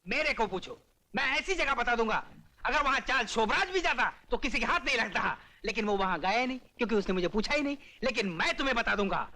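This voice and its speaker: Casting: a boastful know-it-all sidekick, very high, bright voice. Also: male voice, expressive, a little fast, full character voice. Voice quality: boastful, theatrical. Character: scheming, know-it-all adult male sidekick. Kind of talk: dubbed film dialogue.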